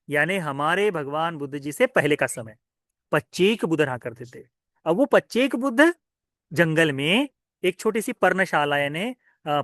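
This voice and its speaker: Male monk, children's storytelling sermon, slightly high voice, question-and-answer delivery, dry. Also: no room sound. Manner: lively questioning, asks listeners and answers himself. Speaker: Buddhist monk.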